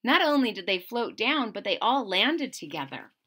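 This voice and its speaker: Reading a children's story to her listeners, this storyteller is very animated, throwing in asides and questions as she goes. She speaks at a moderate speed in a fairly high, slightly bright voice.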